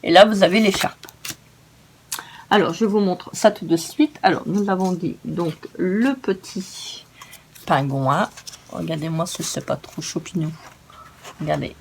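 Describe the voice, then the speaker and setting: A woman's voice: on the low side, a little slow, creaky, long pauses, a little hiss or hum. A woman hosting a casual crafting demonstration, chatty and enthusiastic, often stumbling over her words. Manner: gushing and enthusiastic. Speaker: craft video host.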